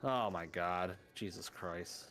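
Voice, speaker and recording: A man's voice: low voice, takes it slowly, a bit bright, slight background noise. A man hosting a game stream, chatting casually with sarcastic jokes. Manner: joking, sarcastic banter. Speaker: streamer host. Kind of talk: casual gameplay chat.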